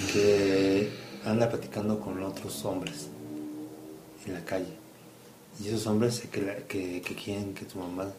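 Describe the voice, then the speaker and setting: Brief: low-voiced father, bible storytelling to his kid, roomy echo, faint hiss. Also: dark tone. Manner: storytelling, asks the child questions, acts out quotes. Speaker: father homeschooling his child. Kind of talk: bible story lesson for a child. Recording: echoey room, faint noise.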